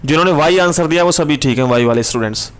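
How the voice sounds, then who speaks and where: Male tutor, fairly high voice, brisk live class, keeps asking students questions. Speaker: reasoning teacher.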